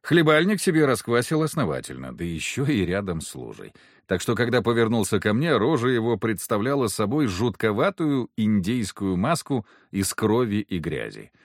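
A man's voice: on the low side, big pitch swings, normal speed, dry recording, clean studio sound. A man reading a first-person adventure audiobook in a wry, sardonic storytelling manner. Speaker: audiobook narrator.

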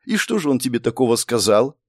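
A man voicing a brisk, mocking young woman who is a player in a game world, in an audiobook. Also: medium pitch, sing-song, slightly rough, dry recording, clean studio sound. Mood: teasing, brisk. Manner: snappy, teasing, exclamatory.

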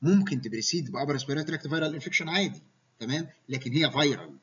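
A man's voice: a little high, lively intonation, racing, fairly bright tone, breathy edge, highs cut off. A man with an Egyptian Arabic accent giving a medical lecture, mixing English medical terms into his Arabic and often checking that students follow.

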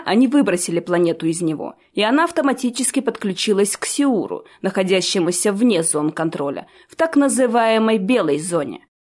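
A woman's voice: medium pitch, natural voice. Female narrator voicing an ancient elderly man: stern, reproachful, long explanations, audiobook. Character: elderly male ancient one, stern lecturing mentor.

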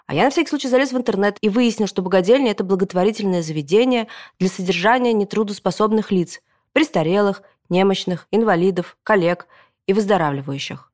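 Female audiobook narrator, mid-pitched, lively storytelling of a kids' book. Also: fast talker. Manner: lively first-person storytelling in a boy's voice. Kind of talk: scripted narration of a children's book.

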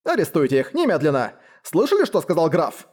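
A man's voice: a little high, wildly swooping pitch, a little fast, darkish tone, husky, heavily acted. A man voicing a pompous, fussy male official who talks in stiff bureaucratic phrases in an audiobook. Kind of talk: audiobook character voice.

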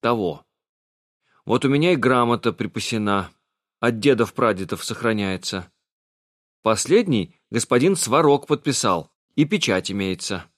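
A man's voice: mid-range voice, animated, normal speed, dry recording, close to an everyday voice. Male reader as sullen stubborn peasant, grumbling, dry close read. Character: gloomy burly village man, stubborn.

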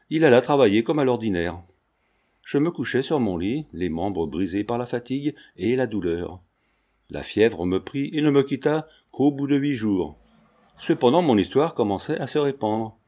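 A man reading a novel aloud in calm, measured scripted narration. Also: mid-range voice. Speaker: audiobook reader.

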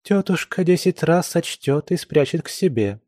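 A man reading a classic novel aloud, voicing a calm, composed young noblewoman with mild, lightly ironic speech. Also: fairly high pitch, moderate pace, dry recording, clean studio sound, voice pushed up.

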